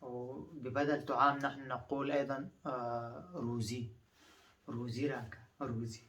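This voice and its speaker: A man's voice: medium pitch, far from the mic. Man teaching phrases, mic set back. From Afghanistan. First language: Pashto. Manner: repeats each phrase several times, explains patiently with many fillers. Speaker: language teacher. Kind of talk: phrase-by-phrase language lesson.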